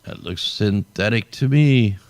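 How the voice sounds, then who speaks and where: His lowish voice is a little mellow, paced in a measured way on a dry recording. He hosts an easygoing weather segment over satellite maps, sounding tired with a fading voice, and keeps dropping a drawled "man" at the end of his sentences.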